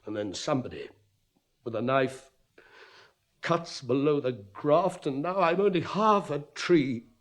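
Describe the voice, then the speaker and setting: In a 1950s radio drama, a male actor plays an anguished, tormented and suspicious middle-aged cavalry captain. His fairly high, animated voice moves unhurriedly, and the delivery is impassioned, bitter and despairing.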